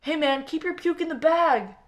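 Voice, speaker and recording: A woman voicing a drunk young male coworker who shouts and slurs his words in an audiobook story. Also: high voice, moderate pace, pitched above the performer's own voice, natural voice. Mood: drunk, rowdy. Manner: slurring, shouting.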